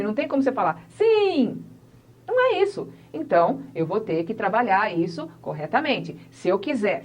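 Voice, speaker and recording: Female teacher, Portuguese her first language, clear step-by-step explainer for an online English class. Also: medium pitch. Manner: explains step by step, acts out sample dialogues.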